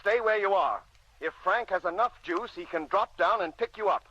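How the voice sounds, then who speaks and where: A man acting out a commanding ship's doctor who gives firm, urgent orders. His voice is bright and fairly high. The radio play has a dull, lo-fi sound. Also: normal speed, no echo. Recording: dull lo-fi audio.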